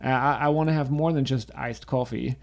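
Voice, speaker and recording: A man's voice: medium pitch, steady tone, a little fast, creaky, darkish tone. Reflective man, podcast co-host. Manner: reflective, searching for words. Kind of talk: faith podcast chat.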